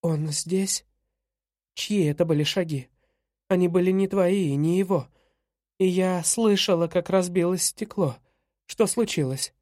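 A man's voice: high voice, unhurried, pauses often, a little mellow, no echo, clean studio sound. A man voicing a frightened, battered young mother who begs breathlessly in an audiobook. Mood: pleading. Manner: begging, breathless.

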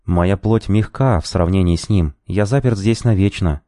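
A man's voice: deep voice, normal speed, dark tone, no echo, clean studio sound, natural voice. Man voicing a strained, earnest warrior. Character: proud wounded male warrior, strong adult, struggling. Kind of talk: audiobook character voice.

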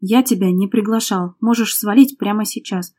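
A jealous, hot-tempered young man barks short menacing lines, as a woman reader puts him on. The voice is warm and mellow, clipped and hard. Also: mid-range voice, normal speed, natural voice. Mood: furious. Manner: curt, snapping, menacing.

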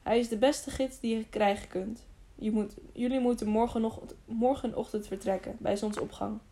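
A woman reading an old male hermit in an audiobook, speaking softly and solemnly. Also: fairly high pitch, fairly even intonation, normal speed, close to an everyday voice.

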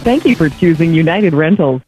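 A man's recorded phone menu message, reading formal automated prompts in an even announcer manner. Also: fairly high pitch, normal speed, music in the background. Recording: tinny phone line, dry.

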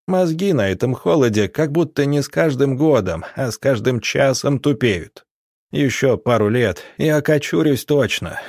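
A man's voice: medium pitch, a little mellow, no room sound, clean studio sound, voice pushed up. Old village elder, 60s, weary and grumbling; male reader does him. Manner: tired, grumbling.

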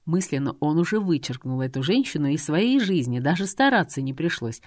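A woman reading a novel aloud in steady, scripted narration. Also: low voice, fairly quick, no room sound, studio quality. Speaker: audiobook reader.

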